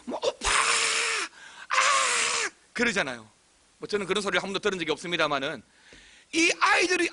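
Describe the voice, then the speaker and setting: Animated, bright-voiced male pastor preaching. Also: high voice. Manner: animated preaching, bursts into shouts and acted cries. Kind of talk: sermon.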